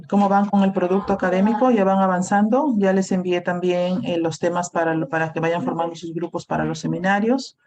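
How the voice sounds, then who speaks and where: A woman's voice: fairly low pitch, darkish tone, lo-fi sound, a little hiss or hum. A woman lecturing a university class over a video call, explaining steadily and checking in with the students as she goes. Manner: explains plainly, checks in with "¿no?", "¿sí?" and "este" fillers. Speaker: university clinical lab lecturer.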